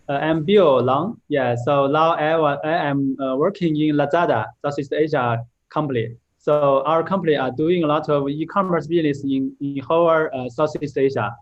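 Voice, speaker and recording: Higher-voiced man, halting, on muffled audio. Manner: halting, non-fluent English phrasing. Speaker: industry panelist. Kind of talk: self-introduction at a panel.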